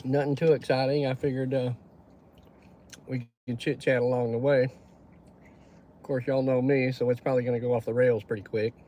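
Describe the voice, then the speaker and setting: A man's voice: medium pitch, level tone, fairly quick, darkish tone, a little hiss or hum. A Texan man hosting a casual livestream, chatting in a folksy way and greeting viewers by name. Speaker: livestream host. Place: pickup truck.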